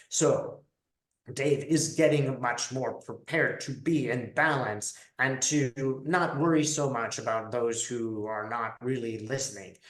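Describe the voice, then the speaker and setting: A man speaking as a seance medium in trance, voicing a composed, didactic spirit guide in a measured, formal, deliberate way. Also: medium pitch, lightly acted. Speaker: trance channeler. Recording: echoey room.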